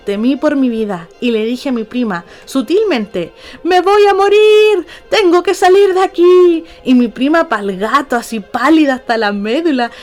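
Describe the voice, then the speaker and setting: A young Chilean woman with a Chilean accent, telling a story casually in an animated, slangy way. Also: high-pitched. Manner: animated and slangy, acts out quotes.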